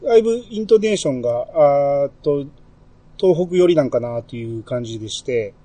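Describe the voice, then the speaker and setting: A man with a Kansai accent hosting a casual podcast chat, relaxed and chatty, with many fillers and small laughs. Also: mid-range voice, brisk, no room sound. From Kansai, Japan. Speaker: podcast host.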